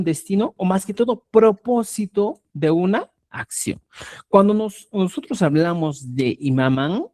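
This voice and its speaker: A man teaching a live class over a video call. His voice rises and falls a lot as he explains, and he keeps asking the students if they follow. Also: sits high. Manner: lively, checks in constantly with "¿ya?". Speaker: Quechua teacher. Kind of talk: live online language class.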